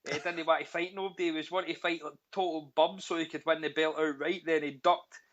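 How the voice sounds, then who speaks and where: A higher-voiced man with a broad Glasgow street accent chats on a sports podcast. He is blunt and sweary, telling stories in slangy banter. The recording is dull and lo-fi. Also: steady tone, fast, a bit bright. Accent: Scottish, Glasgow. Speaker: podcast panellist. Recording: dull, lo-fi voice line.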